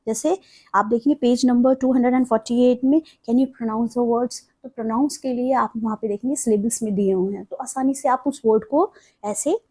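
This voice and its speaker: Woman teaching vocab, says each word slow, asks "what is it" and answers herself, warm voice. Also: fairly high pitch. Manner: explains slowly, repeats words and asks herself questions; spells out English words slowly between Hindi explanations. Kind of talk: vocabulary lesson.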